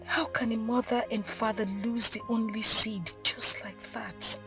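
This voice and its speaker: An actress playing a distressed, cornered young pregnant woman with a Nigerian accent, pleading haltingly in a film drama. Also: fairly high pitch, fairly even intonation, music in the background. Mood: despairing. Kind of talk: Nollywood film acting.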